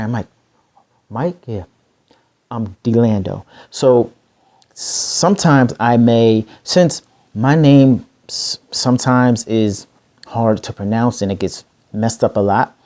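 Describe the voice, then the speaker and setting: Slow-speaking man with a dark voice. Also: on the low side. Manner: slow, halting and repetitive, with fillers and self-corrections. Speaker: vlogger sharing stuttering tips. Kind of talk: casual talk to camera.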